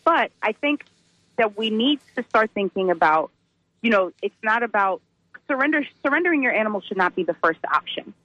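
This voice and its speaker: A woman's voice: mid-range voice, animated, a little fast, pushed and bright, no room sound. Phoned-in guest, woman, clipped phone line, dry and lo-fi, thoughtful, hedging speech. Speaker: guest, social worker.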